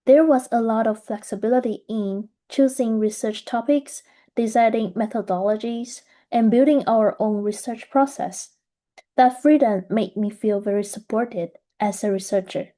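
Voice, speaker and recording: A young woman from Taiwan giving a measured, earnest presentation about her graduate studies. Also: fairly high pitch, warm tone. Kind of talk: scripted presentation.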